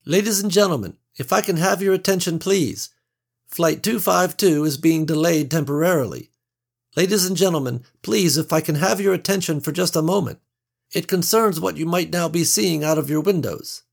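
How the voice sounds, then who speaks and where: A man voicing a calm stewardess. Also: on the high side, normal speed, vocal fry, breathy edge, voice pushed up. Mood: calm, official. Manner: calm, even announcement tone. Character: composed adult female flight attendant.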